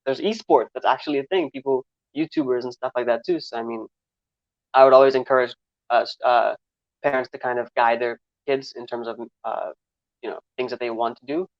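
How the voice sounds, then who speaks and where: A man's voice: medium pitch, fairly even intonation, brisk, no room sound. A man in his twenties from Trinidad with a New York accent, answering interview questions in a rambling way, with many fillers and restarts. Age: 20s. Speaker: guest filmmaker. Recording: slightly dull, dry recording.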